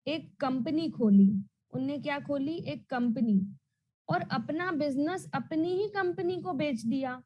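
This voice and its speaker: A woman teaching an online class, loudly and emphatically and repeating questions so students answer back. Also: high-pitched, muffled recording. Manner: repetitive question-and-answer drilling; loud and emphatic.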